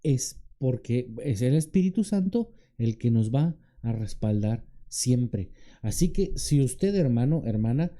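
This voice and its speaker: Male deacon, conversational sermon, very dark tone, questions to the congregation, acts out quotes. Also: lively intonation, a little slow. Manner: conversational preaching, often asks the congregation questions and tags "¿verdad?"; acts out quoted pleading in a higher voice.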